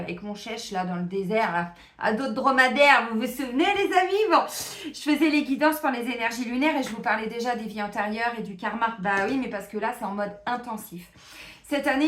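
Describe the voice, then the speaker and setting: A woman's voice: on the high side, roomy sound. A woman doing a casual weekly card reading, a therapist who chats directly to her viewers with many fillers. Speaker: tarot card reader and therapist.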